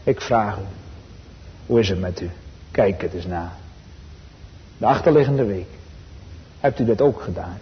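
A man preaching a sermon to his congregation, earnest and emphatic, slowing for quotations and rising in fervor. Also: fairly low pitch, lively intonation. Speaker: pastor. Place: church. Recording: dull sound with long church reverb.

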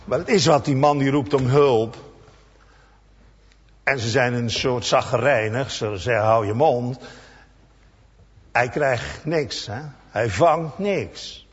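A man preaching a sermon in a church, slow and emphatic, acting out the cries of the people in his story. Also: medium pitch, husky. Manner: slow, emphatic preaching with dramatic voiced quotes. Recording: dull sound with long church reverb.

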